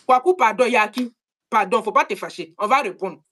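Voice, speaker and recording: Sex: woman. Role: live-stream host. Pitch: fairly high. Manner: animated, repeats words, speaks straight to viewers. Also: measured pace. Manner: animated, repetitive, addresses viewers directly. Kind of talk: casual live-stream chat.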